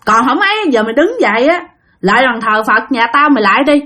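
A gruff, scolding exorcist master, put on by a woman storyteller. He speaks in lively, rising and falling tones with a Southern Vietnamese accent. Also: on the high side, fast talker. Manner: scolding, threatening.

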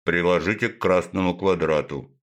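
A man's voice: sits low, normal speed. A man doing a cold metallic robot voice. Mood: curt, mechanical. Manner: flat, curt repeated commands. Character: cold metallic access-control machine at a checkpoint. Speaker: narrator. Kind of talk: audiobook narration.

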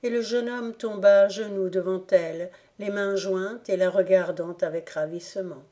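A woman reading a classic novel aloud as an audiobook narrator, in a slow, deliberate manner. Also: medium pitch, steady tone, mellow. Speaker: audiobook reader. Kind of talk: scripted narration.

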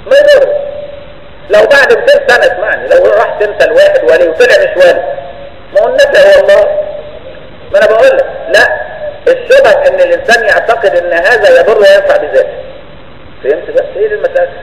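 This religious teacher, a man speaking with an Egyptian Arabic accent, has a high-pitched voice and gives his lesson colloquially. In a large, reverberant hall he talks conversationally, constantly checking whether people follow him. The low-quality recording carries a faint hiss or hum.

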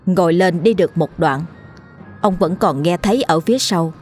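Low-voiced woman narrating a horror story. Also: moderate pace, darkish tone. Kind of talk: dramatic audiobook narration. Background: faint music.

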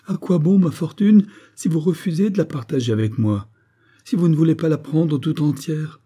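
A man's voice: mid-range voice, animated, moderate pace, mellow, husky. A man voicing a fragile, pale young wife who pleads tearfully, in an audiobook reading. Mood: pleading.

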